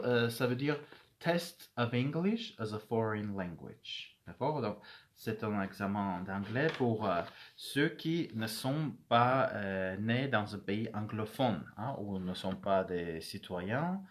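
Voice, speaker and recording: Slow, hesitant man explaining exams. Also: lowish voice, animated. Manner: hesitant, many fillers and restarts. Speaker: English teacher. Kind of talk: casual spoken explanation to camera.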